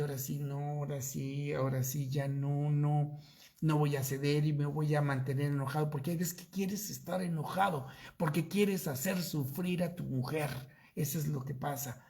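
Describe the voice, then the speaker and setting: A man's voice: on the high side, creaky, a little mellow. A middle-aged man with a Mexican accent, a pastor telling a personal story in a Bible study sermon and acting out dialogue. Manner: slow, drawn-out storytelling with acted-out dialogue.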